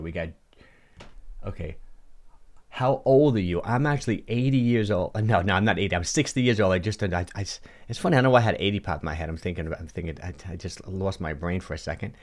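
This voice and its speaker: Talking at a quick pace in a rich, deep, low voice, a fitness coach in his sixties livestreams from a colorfully lit home studio into a large studio mic on a boom close in front of him. He reads viewer comments and answers their questions casually, gesturing animatedly and often restarting or repeating words.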